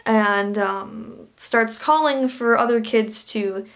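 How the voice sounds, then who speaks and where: A woman's voice: a little high, slow pace, a bit bright, faint music behind. A young woman reviewing a bad movie in a comedic rant, sarcastic and laughing between lines.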